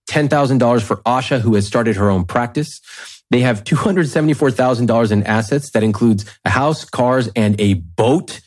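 A man's voice: medium pitch, a little mellow, dry recording. Emphatic male podcast host, dry studio sound. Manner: emphatic, informal, direct. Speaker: podcast host and financial coach. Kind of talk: conversational coaching and host-read ads.

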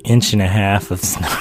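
A painter and video maker from North Carolina, USA chats casually to camera in a talking-head style, his voice fairly low with a darkish tone. He tells stories in a rambling, amused way.

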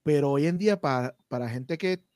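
A Puerto Rican man hosting a casual podcast, speaking with an emphatic, fired-up drive and swearing freely. His voice sits a bit high for a man, and the recording is close and dry with no room echo. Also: normal speed, darkish tone. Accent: Puerto Rican Spanish. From Puerto Rico. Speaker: podcast host.

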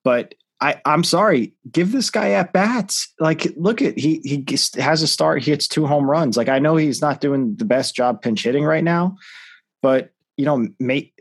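Man, podcast co-host, lively and fed-up, voice leaps when he's making a point. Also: mid-range voice, normal speed. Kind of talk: casual sports podcast chat.

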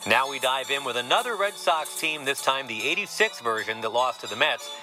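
A man's voice: mid-range voice, lively intonation, brisk, low-quality recording. A man hosting a sports podcast, with a wry, joking delivery. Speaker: podcast host. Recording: music playing behind the voice.

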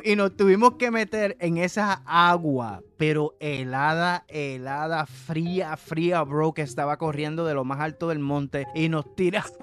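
A man with a Puerto Rican accent, co-hosting a podcast and telling a casual anecdote in a lively, laughing way. He uses a lot of slang and drops English words into his Spanish. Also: a little high. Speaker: podcast co-host.

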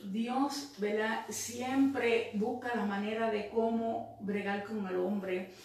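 A woman's voice: mid-range voice, steady tone, slow pace, a little mellow. A woman giving a spoken religious testimony, fervently breaking into praise and often adding "right?". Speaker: church member giving testimony. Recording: very echoey, distant mic, faint noise.

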